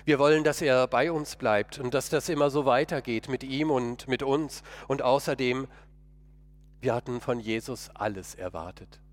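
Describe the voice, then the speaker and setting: A man's voice: medium pitch, normal speed, few pauses. A man delivering a first-person dramatic monologue sermon in an earnest, emotional, pleading way.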